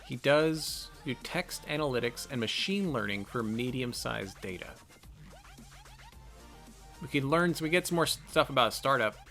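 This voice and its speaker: Bright-voiced man narrating a text game. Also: mid-range voice, animated, moderate pace, soft background music. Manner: thinking aloud, chatty. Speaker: gamer reading and playing an interactive text game. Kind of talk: let's-play narration with casual commentary.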